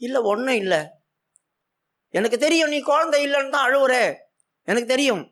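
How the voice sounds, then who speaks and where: A man's voice: very high-pitched, lively intonation, moderate pace, a bit bright. A man preacher voicing a loving husband who anxiously questions his wife, in his own voice. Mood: tender.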